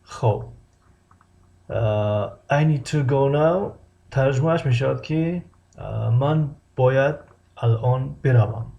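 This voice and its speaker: Gravelly man teaching English phrases. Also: mid-range voice, mellow. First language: Persian. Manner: slow careful English phrases, frequent "uh" fillers. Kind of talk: language lesson. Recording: dull lo-fi recording.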